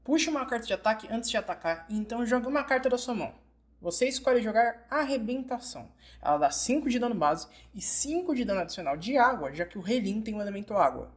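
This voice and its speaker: A woman's high-leaning, expressive voice moves at a quick pace as she reads scripted instructions in a Brazilian Portuguese accent. She speaks directly to the listener, as in a fan-dubbed tutorial.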